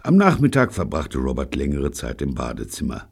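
A man's voice: very deep voice, huge pitch swings, moderate pace, vocal fry, a little mellow, husky. A man narrating an audiobook in a dry storytelling manner.

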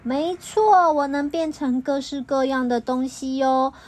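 Woman voicing a calm, kindly clay big brother. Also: sits high, measured pace. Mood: gentle.

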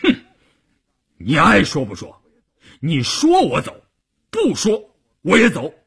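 A man's voice: fairly high pitch, a little fast, sharp tone, breathy edge, voice pushed up. A man voicing a stubborn middle-aged army commander who blusters and then coaxes. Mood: brusque. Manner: blustering, wheedling by turns.

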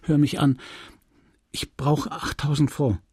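A man's voice: on the high side, flat delivery, slow pace, warm tone, breathy edge, no echo, clean studio sound, voice pushed up. A man voicing a desperate young provincial wife who begs her lover for money, urgent and imploring.

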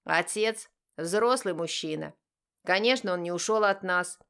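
A woman doing a calm earnest young brother. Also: fairly low pitch, measured pace.

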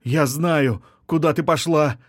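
A man's voice: mid-range voice, normal speed, no room sound, clean studio sound, close to an everyday voice. A man playing a middle-aged violinist, a pushy suitor who wheedles and sulks and turns spiteful. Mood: resentful. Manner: wheedling, offended, turning menacing. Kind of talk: audiobook character reading.

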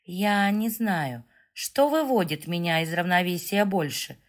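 A woman's voice: lowish voice, lively intonation, measured pace. Woman narrating a fantasy story. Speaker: audiobook narrator. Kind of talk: first-person fiction narration.

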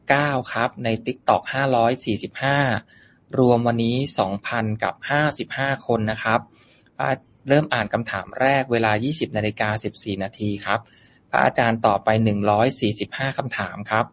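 A man moderating a dharma talk, politely reading out listeners' questions to a monk. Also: medium pitch. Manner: polite, reads questions aloud. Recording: dull lo-fi sound with faint noise.

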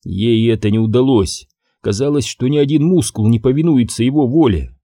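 A man with a mid-range voice narrates an audiobook from a script in a measured, even storytelling style. The studio sound is clean, with no echo.

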